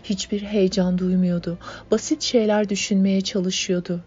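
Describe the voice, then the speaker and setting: A woman narrating a novel in a calm, steady reading voice. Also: medium pitch, moderate pace, breathy edge. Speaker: audiobook narrator. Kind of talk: scripted narration. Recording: dull lo-fi audiobook, faint music.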